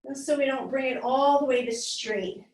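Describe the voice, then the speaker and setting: A woman's voice: sits high, fairly even intonation, normal speed. A woman yoga instructor leading a live class with hand weights, cueing each move in an encouraging, slightly winded voice. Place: yoga studio. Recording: echoey room, voice from far off.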